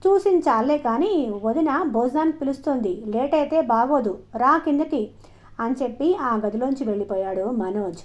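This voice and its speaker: A woman storyteller reading a novel aloud in an expressive, dramatic way, in a dull lo-fi recording. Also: fairly high pitch. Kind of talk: audiobook narration. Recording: dull lo-fi audio.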